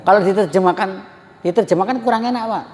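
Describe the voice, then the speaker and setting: A man's voice: sits high, fast talker. Joking male religious teacher, long reverb. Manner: lively, joking, often addressing listeners as "Pak". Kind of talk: religious study talk.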